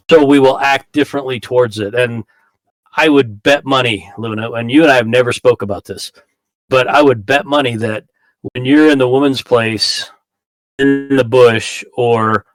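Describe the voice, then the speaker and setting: A man's voice: mid-range voice, no echo, low-quality recording. A man from the United States, speaking in a casual round-table discussion. He tells reflective stories and often restarts his sentences.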